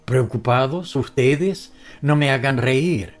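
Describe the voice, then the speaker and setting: A man reading the lines of a drugged, contemptuous son in a rough, gravelly voice. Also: medium pitch, takes it slowly, soft background music, natural voice.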